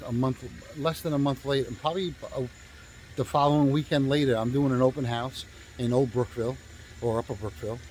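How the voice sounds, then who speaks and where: Casting: man, real estate agent, loose rambling storyteller, salty language, lots of fillers, mid-pitched voice. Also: darkish tone, slight background noise, low-quality recording. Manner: rambling, profane, full of fillers and restarts. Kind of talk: casual storytelling.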